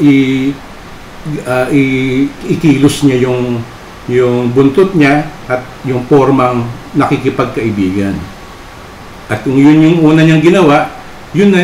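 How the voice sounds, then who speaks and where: A man preaching at a church service, telling a story in a halting way full of fillers and tag questions. His medium-pitched voice carries through a roomy hall. A faint background ambience sits under his words. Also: a little hiss or hum. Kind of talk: storytelling sermon.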